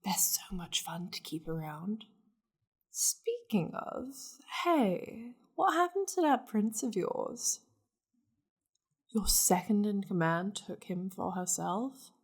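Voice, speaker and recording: Taking on the role of a powerful demon lady for intimate ASMR, a woman uses an animated, exaggerated medium-pitched voice that's slow, languid and fry-edged, sliding into breathy half-whispers. She's seductive, teasing and possessive toward her pet, in a playful, doting mood.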